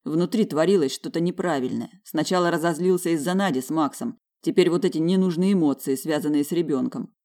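A man's voice: a little high, fairly quick, darkish tone. A man narrating a first-person audiobook in a wry, inward way, grumbling in the dialogue.

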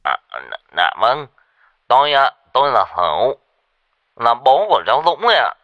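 A man's voice: low voice, animated, extremely slow, smooth, no echo, muffled recording, voice pushed down, heavily acted. A man voicing a frightened old father who stammers and quavers. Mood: nervous. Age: older.

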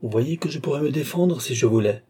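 A man playing a young man who answers gently and with resignation, his voice soft and dark with a husky grain. An audiobook reading at an ordinary pitch. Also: animated, fairly quick. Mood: resigned. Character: calm young man facing his accuser.

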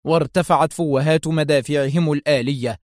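A man narrating a thriller novel aloud in a steady, dramatic storytelling manner. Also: fairly high pitch, fairly quick, no room sound, clean studio sound.

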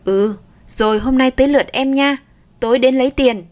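Woman doing a brisk, matter-of-fact neighbor woman. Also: sits high, a little mellow, close to an everyday voice. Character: matter-of-fact woman running a savings circle.

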